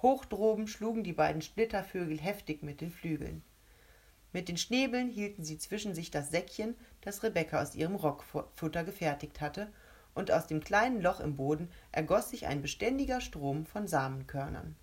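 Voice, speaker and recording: Low, husky woman reading a storybook. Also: animated, normal speed, a little mellow. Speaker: narrator.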